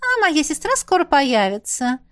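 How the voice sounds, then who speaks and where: A woman voicing a sly, flirtatious fairy princess who purrs and teases in a high, bright voice. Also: expressive, moderate pace. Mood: coy teasing. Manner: purring, coy.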